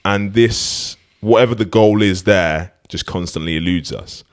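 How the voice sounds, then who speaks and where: A man with a very low voice, chatting casually as a podcast host. He rambles and restarts his sentences, laughing often as he talks. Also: unhurried. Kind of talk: casual conversation.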